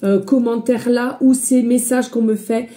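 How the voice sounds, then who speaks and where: Loud, warm-voiced psychic woman. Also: a little high, fairly even intonation, normal speed. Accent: a slight accent she mentions. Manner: loud voice, by her own account; chatty, hesitant, addresses viewers as friends. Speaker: psychic medium giving a reading. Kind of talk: casual spiritual guidance vlog.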